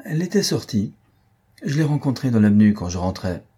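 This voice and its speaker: A man reading an audiobook, voicing a reserved, quietly jealous young wife who answers briefly and guardedly. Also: medium pitch, sing-song, fairly quick, husky.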